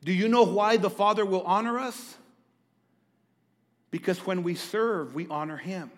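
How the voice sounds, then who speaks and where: A man's voice: high voice, measured pace, in a large hall. A man preaching a sermon to his congregation in church, often repeating words and putting questions to the listeners. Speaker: pastor. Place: church hall.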